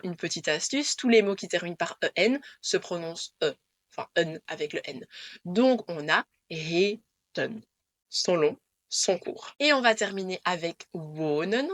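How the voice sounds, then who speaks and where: A woman teaching Dutch pronunciation to camera, patiently repeating the rules in a clear way. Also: mid-range voice, dry recording.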